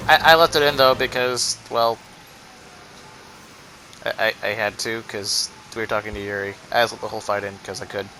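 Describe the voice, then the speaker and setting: A man's voice: on the low side, fairly even intonation, moderate pace, pushed and bright, poor audio. A man giving casual commentary over a video game playthrough, rambling along with lots of "like" and "um". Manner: rambling, many fillers and restarts. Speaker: gaming YouTuber. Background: game music.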